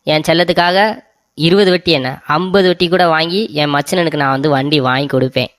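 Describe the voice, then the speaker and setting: A doting young husband, voiced for a cartoon story, rushing out sweet reassurances to his wife. His mid-pitched voice moves fast and sounds dry and close. He fawns and pleads with everyone in turn. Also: steady tone, fairly bright tone, dry recording, close to an everyday voice. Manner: fawning and soothing toward his wife. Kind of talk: animated storybook voice acting.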